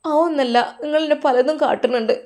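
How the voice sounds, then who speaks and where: Woman playing a young daughter-in-law, whiny, tearful, Malappuram accent, high voice. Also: fast talker, a little mellow, close to an everyday voice. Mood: aggrieved. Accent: Malappuram Malayalam. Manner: tearful, whining, accusing.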